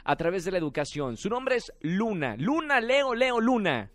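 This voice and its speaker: Excitable high-voiced radio host. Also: male voice, normal speed, no echo. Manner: teasing, excitable, laughs often. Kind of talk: playful radio dating segment. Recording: radio show with music bed.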